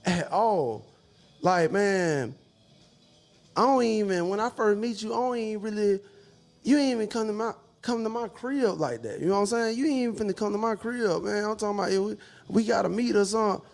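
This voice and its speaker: A man's voice: high voice, brisk, gravelly, a little mellow. A man, chatting casually and laid-back with plenty of slang and swearing. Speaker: podcast panelist. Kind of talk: casual chat.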